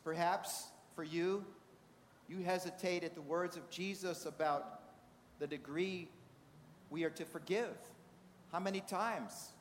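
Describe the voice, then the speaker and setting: A man preaching a sermon in a measured way, asking the congregation rhetorical questions. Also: fairly high pitch, steady tone, a little hiss or hum. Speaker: pastor. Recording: reverberant hall with faint ambience.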